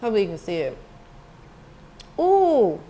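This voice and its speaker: Speaking at a moderate pace with lively intonation and a fairly high pitch, a food vlogger reviews dishes at home. She chats casually with her "y'all" audience, captured on an earbud headphone mic.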